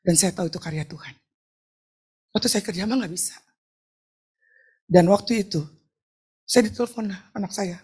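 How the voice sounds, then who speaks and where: A middle-aged woman pastor from Indonesia preaching a lively, joking sermon with a personal testimony, often asking the crowd to answer back. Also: medium pitch, moderate pace, pauses often, slightly rough. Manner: chatty, joking, asks the crowd for replies; acts out quoted talk in shifting voices. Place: church hall.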